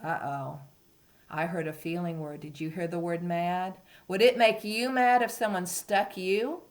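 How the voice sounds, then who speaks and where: A teacher reads a picture book to young children, speaking as if to a toddler. Her voice is on the low side, steady in tone and at normal speed, and she reads expressively, adding simple coaxing questions for the listeners.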